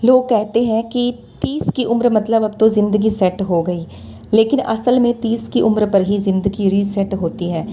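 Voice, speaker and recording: Speaking at a moderate pace in a warm, medium-pitched voice, a woman in her thirties earnestly spurs her listeners on in a motivational talk. Music runs behind her, and there's a little hiss or hum.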